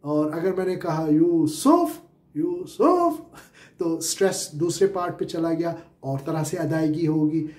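A man's voice: a little high, level tone, moderate pace, hardly any pauses, dark tone, reverberant. A Pakistani-accented man teaching spoken English as a lecture, explaining step by step with many filler sounds and repeated questions. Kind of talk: classroom-style lecture.

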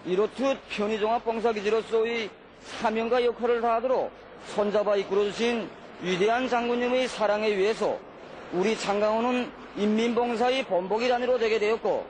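Man, North Korean accent, notably high voice. Reverent, recited official interview statement, clear location noise. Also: poor audio. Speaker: facility official being interviewed. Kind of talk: formal prepared interview statement.

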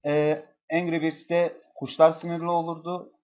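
A young man doing a profane, exasperated comedic review of a mobile game, cursing and yelling at it. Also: fairly high pitch, monotone, measured pace, dull audio.

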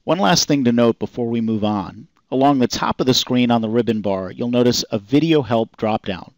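A man calmly reading a scripted software demonstration voice-over in an even, explanatory way. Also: mid-range voice, normal speed, no echo. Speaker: software demo narrator. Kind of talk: scripted product demo narration.

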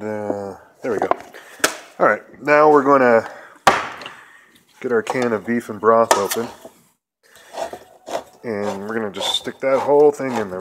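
A middle-aged man with a medium-pitched voice hosts a casual home cooking video at an indoor kitchen counter, rambling folksily through each step with plenty of fillers. Background noise is heavy, with pots, pans, and cans clattering loudly.

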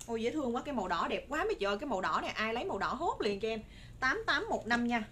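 A Southern Vietnamese woman sells live in a fairly high, bright voice. Her pitch is persuasive and repetitive, addressed straight to viewers. Faint noise sits behind her in a phone recording made indoors. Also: big pitch swings, racing. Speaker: live-stream shop seller. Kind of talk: live sales patter, talking to viewers. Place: indoor room with curtains and bagged stock. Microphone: phone a short distance away. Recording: noisy room recording on phone.

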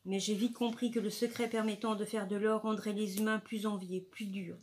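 A woman's voice: medium pitch, flat delivery, moderate pace, slight background noise, natural voice. A woman reading the lines of a fervent visionary monk with solemn, impassioned preaching.

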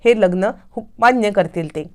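A woman's voice: medium pitch, normal speed, close to an everyday voice. Woman voicing an eloping young woman. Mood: anxious. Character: young woman eloping, anxious then calculating.

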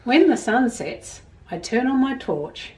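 Here the same kind of storytime host, a middle-aged Australian woman, has a fairly high pitch and an unhurried pace. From a small home room she reads and explains to young children with expressive emphasis, captured from a distance.

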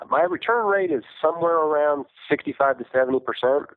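A man's voice: a little high, lively intonation, moderate pace, fairly bright tone, dry recording. A man on a flip phone call as a farmer guest in an interview, rambling and correcting himself, laughing often. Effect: talking over a flip phone call. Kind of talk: casual interview chat. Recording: dry phone-call audio.

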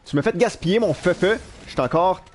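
Animated Quebec French man streaming. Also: sits high, fairly quick, faint music behind. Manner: animated, self-mocking, swears casually. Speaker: live streamer. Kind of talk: live gameplay commentary. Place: at work.

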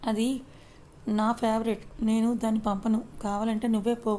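A woman's voice: fairly high pitch, flat delivery, moderate pace, warm tone, slight background noise, close to an everyday voice. Woman reading as a teasing young husband. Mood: teasing scold. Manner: scolding, teasing. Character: young husband, teasing and gruff with his wife.

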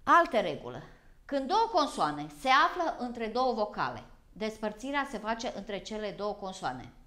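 A woman from Vojvodina with a local Romanian accent, teaching a school grammar lesson in a slow, deliberate way. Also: mid-range voice, very animated, bright, forceful tone. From Vojvodina, Serbia. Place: broadcast TV lesson.

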